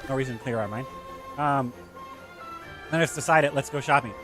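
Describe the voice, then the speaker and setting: A man's voice: medium pitch, moderate pace, music in the background. A man on a live stream who reads a game's dialogue aloud and keeps stopping to question its grammar. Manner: reads lines aloud, stops to pick apart the grammar. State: eating while talking. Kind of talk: live-stream game reading and commentary.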